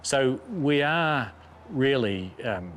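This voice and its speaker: A man giving measured explanations in an interview as a conservation spokesman, rephrasing as he goes. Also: mid-range voice, lively intonation, a bit bright, slight background noise.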